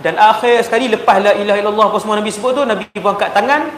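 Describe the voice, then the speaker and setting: High-voiced Malaysian preacher in an echoey hall. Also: male voice, racing. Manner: animated storytelling, swinging between loud emphasis and hushed tones. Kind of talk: sermon. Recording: echoey hall with faint noise.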